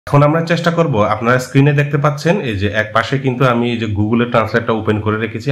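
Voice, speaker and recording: A man whose first language is Marma, patiently explaining a screen-share language lesson and often pausing to hesitate. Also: medium pitch. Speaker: language course teacher.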